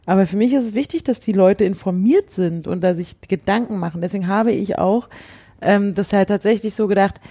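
Mellow-voiced woman chatting earnestly. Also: mid-range voice, a little fast, husky. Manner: earnest, explaining, hesitant restarts. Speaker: show host. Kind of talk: casual chat.

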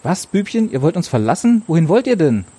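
A man reading the part of a lively, quick-witted teenage girl, teasing and curious. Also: high-pitched, husky, voice pushed up, heavily acted.

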